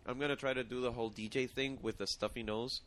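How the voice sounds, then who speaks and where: A man's voice: mid-range voice, fairly even intonation, quick pace, noisy background. Stuffy-nosed male podcast co-host. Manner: blunt, opinionated. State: stuffy nose. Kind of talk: casual tech chat.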